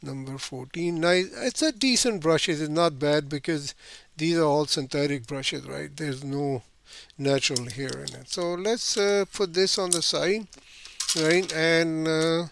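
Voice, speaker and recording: A man's voice: a little high, unhurried, gravelly, a bit bright. A man teaching watercolor, rambling. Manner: rambling, many fillers and tag "right?". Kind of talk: painting lesson demonstration.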